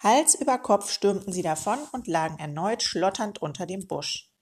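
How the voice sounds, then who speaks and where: A woman reading a children's storybook aloud in a lively way, speaking directly to young listeners. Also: medium pitch, normal speed, slightly rough.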